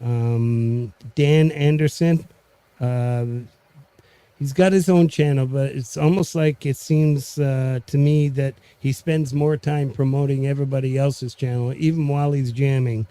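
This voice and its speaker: A man with a French Canadian accent hosting a casual, unscripted live stream, halting and pausing mid-sentence. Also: mid-range voice, fairly even intonation, mellow, smooth, no echo. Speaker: host of a music community live stream.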